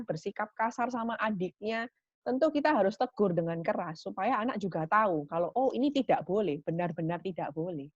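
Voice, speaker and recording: A woman with a medium-pitched voice gives a parenting talk, explaining patiently in a warm teaching tone and often closing points with a short "gitu ya" tag question. The recording is dry, dull, and lo-fi.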